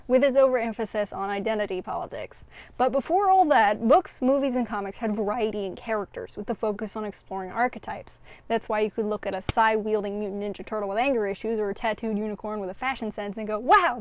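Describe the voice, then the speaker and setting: A woman's voice: a little high, a little mellow, no room sound. A young woman giving a casual, opinionated video essay, explaining her points with occasional filler words.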